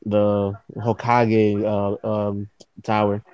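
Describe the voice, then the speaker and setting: A man's voice: on the low side, completely flat delivery, extremely slow, darkish tone, clean tone, no echo. A man in casual chat, insistent and pushing to take his turn. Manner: insistent, talks over others. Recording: dry, muffled lo-fi audio.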